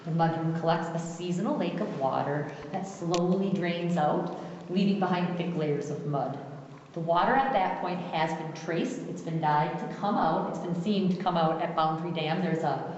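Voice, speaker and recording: A woman's voice: fairly low pitch, normal speed, a little mellow. A woman working as a tour guide, giving an informal guided tour inside an echoing cave, pointing things out and instructing her group. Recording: echoing cave reverb, distant muffled mic, faint noise.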